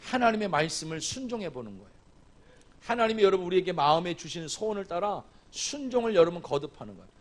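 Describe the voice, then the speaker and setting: A man's voice: high voice, very animated, fast talker. A man preaching a revival sermon as guest pastor, asking the congregation questions and acting out dialogue from a family story. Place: church sanctuary.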